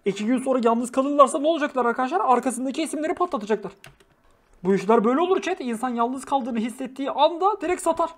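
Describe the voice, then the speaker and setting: A young woman streamer giving loud, joking live commentary on a TV show, swearing freely. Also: high-pitched, lively intonation, fast.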